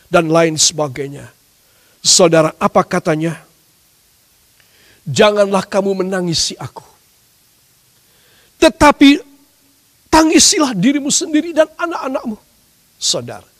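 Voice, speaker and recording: A man preaches in a very high, animated voice that swings between loud, ringing emphasis and low, hushed asides. His sermon rings out the long reverb of a large church hall. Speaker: pastor.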